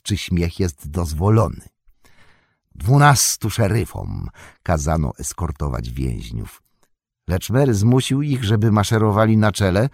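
A man narrating an audiobook in a steady, expressive storytelling manner. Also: sits low, breathy edge, no room sound, clean studio sound. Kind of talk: scripted narration.

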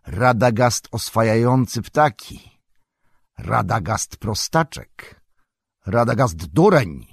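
A man reading an audiobook who voices a proud, scornful old male wizard lord, speaking slowly and grandly, as if declaiming. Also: fairly low pitch, lively intonation, slightly rough, no room sound, clean studio sound, exaggerated voice.

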